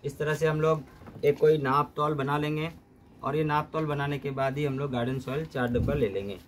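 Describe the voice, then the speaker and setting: A man giving a steady, step-by-step gardening demonstration, often mixing English terms into his explanations. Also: a little high, fairly quick, a little hiss or hum. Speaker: gardening instructor.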